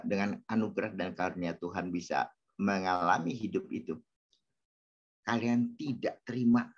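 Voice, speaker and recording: Husky guy, lots of ums, chatting about faith, dull lo-fi sound. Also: fairly low pitch. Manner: hesitant, many fillers, asks listeners questions. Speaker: speaker answering audience questions. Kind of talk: casual spiritual talk.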